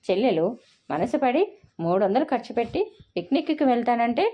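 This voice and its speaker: A woman voicing a sarcastic, sharp-tongued middle-aged mother in a dull lo-fi recording. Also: a little high, animated, brisk, voice pushed up. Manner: sarcastic, cutting.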